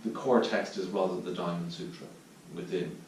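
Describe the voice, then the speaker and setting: A man with an Irish accent gives a dharma talk, his voice sitting a little low as he searches thoughtfully for his words. The mic is set back from him, and the meditation hall adds a strong echo with faint noise underneath. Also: fairly even intonation, moderate pace. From Ireland. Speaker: Zen teacher giving a dharma talk. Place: meditation hall at a retreat centre. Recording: distant mic in a very echoey room with faint noise.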